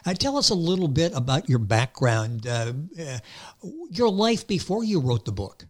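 American man, slightly high voice, interview host, conversational, affirming, wordy lead-ins. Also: sing-song, normal speed. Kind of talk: conversational radio-style interviewing.

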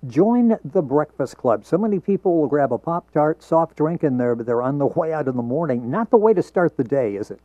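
A man's voice: fairly high pitch, very animated, moderate pace, hardly any pauses, dry recording. A man hosting a radio talk show, interviewing a guest, heard as recorded off the radio. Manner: friendly, leading the guest through tips. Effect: heard as taped off the radio. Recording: dull, dry radio broadcast recording.

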